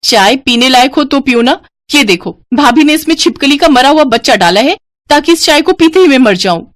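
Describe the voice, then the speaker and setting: A woman's voice: high voice, expressive, normal speed, no room sound, pitched above the performer's own voice. A woman voicing a spiteful, scheming young sister-in-law in a storybook tale, accusing and dramatic. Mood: shrill accusing. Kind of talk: storybook voice acting.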